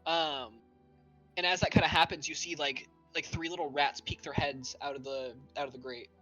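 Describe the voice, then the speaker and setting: Bright, easygoing game master. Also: mid-range voice, steady tone, normal speed, lo-fi sound, faint music behind. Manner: loose, filler-heavy, lots of "like". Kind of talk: narrating a tabletop game.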